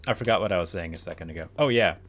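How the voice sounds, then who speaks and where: A man's voice: sits low, rapid-fire, fairly bright tone. A man streaming a video game, chatting casually and rambling upbeat about what he is playing. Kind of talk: casual gameplay commentary.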